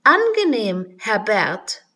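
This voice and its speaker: A woman's voice: sing-song, slow, distant mic, full character voice. A woman voicing a cheerful, polite young girl in a storybook reading. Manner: very high, bright and polite.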